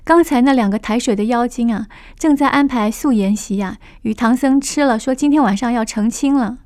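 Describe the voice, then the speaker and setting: A loud, bumbling pig monk, as a woman storyteller puts him on, high and forceful as he blurts out his lines. The voice is pitched up and dry, in the manner of a radio story reading. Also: brisk, no echo, close to an everyday voice. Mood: indignant. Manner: bumbling, shouting in alarm. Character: greedy dim-witted male pig monk, loud.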